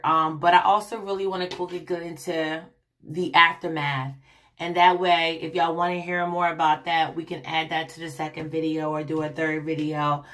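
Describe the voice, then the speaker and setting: This is a young woman telling her own story straight to her viewers in a casual vlog. Her voice sits a little low and carries a smoker-like rasp from a lingering cough. She rambles, restarts her sentences and keeps calling her audience y'all. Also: fairly bright tone. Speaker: vlogger. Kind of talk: casual personal story to camera.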